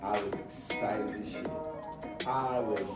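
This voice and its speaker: A man's voice: on the low side, slow pace, distant mic, loud music behind the voice. A man hosting a book club, chatting casually and telling a story with lots of expression in his voice. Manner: animated storytelling, voice rising and falling with excitement. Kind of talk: casual chat. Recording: echoey room with faint background noise.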